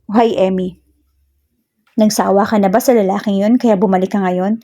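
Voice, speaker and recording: A woman's voice: mid-range voice, steady tone, normal speed, dark tone, close to an everyday voice. A woman voicing a cold, angry wealthy young man who curtly turns his ex away. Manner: curt, contemptuous.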